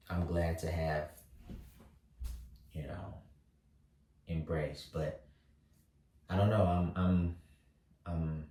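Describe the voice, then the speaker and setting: A thirty-year-old man vlogging, talking slowly through his thoughts with lots of fillers and restarts. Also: a bass voice, dark tone, recorded from a distance. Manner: halting, many fillers and restarts. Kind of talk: reflective casual monologue. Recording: roomy echo, voice set back from mic.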